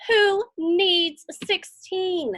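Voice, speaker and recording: A woman with a very high, slightly bright voice reads a children's story aloud at an extremely slow pace, her intonation fairly even. She's a storybook reader giving an animated read-aloud, adding dramatic emphasis and chatty, conversational asides.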